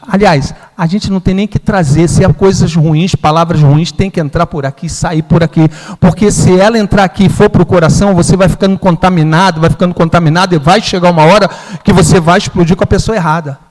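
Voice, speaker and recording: Pastor with a high voice in a reverberant hall. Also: male voice, steady tone, fast, darkish tone. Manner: storytelling, acts out his own and his mother's lines. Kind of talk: sermon. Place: church hall.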